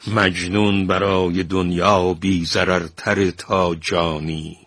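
A man voicing an elderly master painter who answers quietly and with dry defiance, husky-voiced. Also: low voice, level tone, no echo. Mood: calm. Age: older. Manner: quiet, measured, dryly defiant. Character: elderly male master painter, calm and wry.

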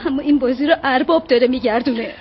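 An actress dubbing a young maid who pleads tearfully with her master. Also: high voice. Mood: distressed. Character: young maid pleading not to be sent away. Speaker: dub actor. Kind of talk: dubbed period drama. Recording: dull audio with steady hiss.

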